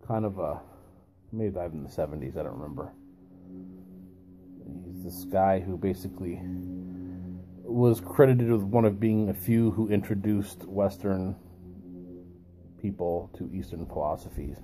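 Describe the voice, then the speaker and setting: A man talking in a musing, halting way with long pauses, as a video host giving a reflective philosophical monologue with a pipe in his mouth. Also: deep voice, dark tone, a little hiss or hum.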